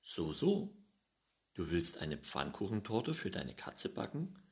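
A man's voice: low-pitched, huge pitch swings, takes it slowly, heavily acted. A man voicing a curious, cautious neighbour who speaks carefully, in a lifted voice.

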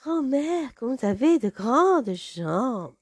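A woman voicing a little girl in a storybook tale, in a high, childlike tone. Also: very animated, slow pace, slightly rough, no echo, clean studio sound, full character voice. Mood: wondering.

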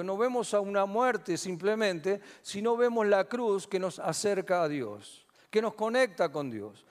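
A man preaching a sermon with a Rioplatense Spanish accent, asking his congregation questions and answering them himself. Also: sits high. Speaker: pastor. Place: church hall. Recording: long hall reverb.

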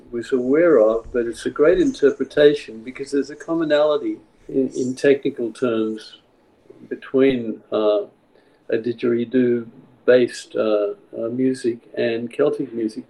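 Man from the czech republic, gravelly voice, dark mellow tone, rambling explainer. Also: medium pitch, fairly even intonation, unhurried, poor audio. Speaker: songwriter guest. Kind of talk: casual interview.

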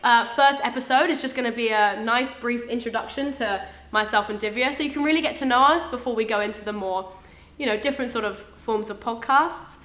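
A young woman from England hosting a casual podcast chat, loud and quick to laugh at herself. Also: fairly high pitch, roomy sound. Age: young adult. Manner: loud, laughing, self-mocking. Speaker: podcast host, engineering student.

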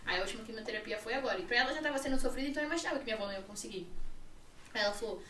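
Young Brazilian woman, 18, fairly high voice, rapid run-on storytelling, echoey room. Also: bright, forceful tone, recorded from a distance, a little hiss or hum. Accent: Brazilian Portuguese. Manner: rapid, run-on telling with many fillers and repeats. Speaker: podcast guest. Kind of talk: personal storytelling in an interview.

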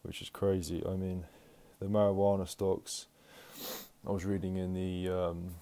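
A man's voice: low voice, little pitch movement, measured pace, warm tone. A man hosting a casual solo podcast from home, rambling with lots of fillers and restarts while he moves around the house. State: out of breath. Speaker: podcast host.

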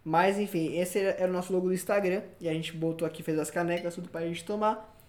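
In an echoey room, a young Brazilian man hosts a podcast, his voice high and his delivery fast. He spins stories in relaxed, slang-heavy chat, performing other people's quotes as he goes, with a clear Brazilian Portuguese accent.

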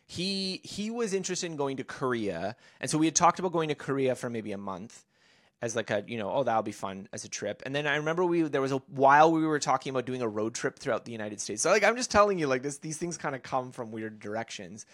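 Animated man telling a story. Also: mid-range voice, fast. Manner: animated storytelling, many fillers and restarts. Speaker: podcast guest, author. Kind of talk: conversational interview.

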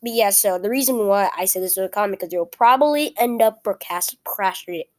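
A young woman, sick and weak-voiced, talking casually and haltingly as she hosts a solo student podcast from home. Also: mid-range voice, darkish tone. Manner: halting, self-correcting, apologetic.

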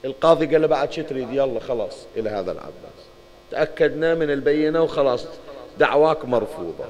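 A man's voice: medium pitch, lively intonation, quick pace, darkish tone, dull audio. A man with a Bahraini accent preaching a mourning sermon, telling the story with animation and speaking straight to his listeners. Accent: Bahraini Arabic.

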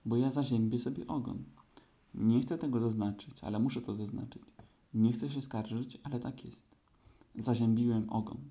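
A man voicing a gloomy, self-pitying old donkey in a storybook reading, talking slowly and sulkily. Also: medium pitch, mellow, close to an everyday voice. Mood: grumbling. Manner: slow, sulky, complaining.

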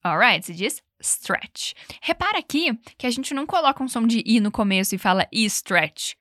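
Bright-voiced woman teaching English. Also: on the high side, very animated, no room sound, studio quality. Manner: speaks English examples slowly and clearly. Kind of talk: language lesson with repetition drills.

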